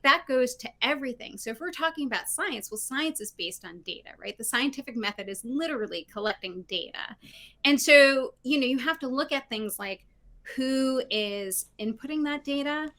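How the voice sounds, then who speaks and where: A middle-aged woman with a high-sitting voice talks at normal speed as a guest on a video call, picked up by her laptop mic in a living room lined with bookshelves. A diversity consultant, she speaks animatedly, laughs, and often ends her points with "right?"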